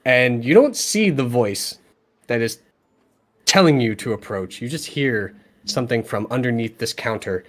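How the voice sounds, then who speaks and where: A man narrating as game master of a tabletop game in a relaxed, meandering way, with frequent fillers. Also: medium pitch, a little slow.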